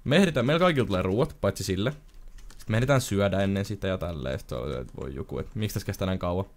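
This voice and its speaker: A man playing a video game with a friend, chatting casually and telling a long story, with sudden loud outbursts, keyboard typing audible. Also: low voice, lively intonation. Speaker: gamer co-host. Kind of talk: casual let's-play chat.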